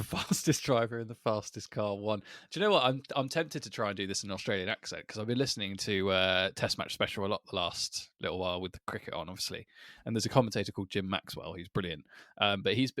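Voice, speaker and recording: Male co-host, lowish voice, chatty and wry. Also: fairly bright tone, no room sound, clean studio sound. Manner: chatty, self-deprecating, laughs often. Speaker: podcast co-host. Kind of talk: casual chat.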